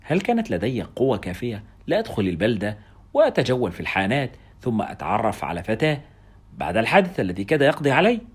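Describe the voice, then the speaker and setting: A man tells a first-person story as an audiobook narrator. He reads fast and expressively, his pitch rising and falling with lively movement. His voice has a slightly husky grain.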